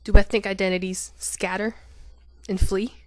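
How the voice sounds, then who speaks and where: A woman narrates a documentary in a measured, reflective tone. The recording is close and dry, with no room sound around her voice. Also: medium pitch, flat delivery, a little mellow, dry recording. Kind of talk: scripted narration.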